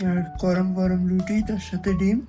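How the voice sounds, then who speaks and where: A young man chatting to viewers in a casual late-night cooking vlog, mixing in English words and often speaking softly. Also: high voice, little pitch movement, moderate pace, soft background music, low-quality recording. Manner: speaks in a hushed voice so as not to wake a sleeping roommate. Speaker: vlogger. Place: small kitchen at night, indoors.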